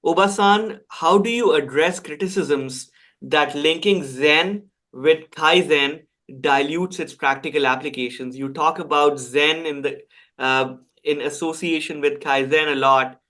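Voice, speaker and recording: A man's voice: on the high side, a little slow, sharp tone. A man hosting a podcast interview, eager and stumbling, repeating words as he asks questions. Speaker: podcast host.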